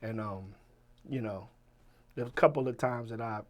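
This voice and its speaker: A man in his forties telling a story as an interview guest, profane and swinging from loud bursts to low mutters. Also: normal speed. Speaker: rapper guest. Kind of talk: animated storytelling.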